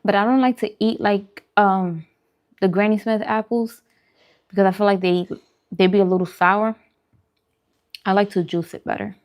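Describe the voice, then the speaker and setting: A woman with a mid-range voice and fairly even intonation speaks at a moderate pace, leaving long pauses. As a vegan vlogger hosting a mukbang, she chats casually with her livestream audience and answers their questions. She offers emphatic, opinionated food tips, repeating phrases to stress them.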